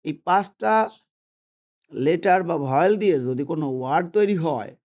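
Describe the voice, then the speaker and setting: A man's voice: a little high, lively intonation, normal speed, darkish tone. A man teaching a grammar lesson, patiently repeating himself and asking questions that he then answers. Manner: patient, repetitive, asks and answers his own questions. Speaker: English teacher. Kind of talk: explaining English grammar lesson. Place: indoors, holding a pen.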